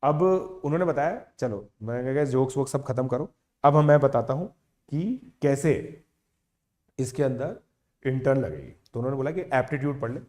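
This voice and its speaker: A man's voice: mid-range voice, normal speed. Chatty male educator telling a story. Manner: chatty, animated, with frequent "theek hai" check-ins; mixes English words into Hindi. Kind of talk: casual motivational storytelling to online students.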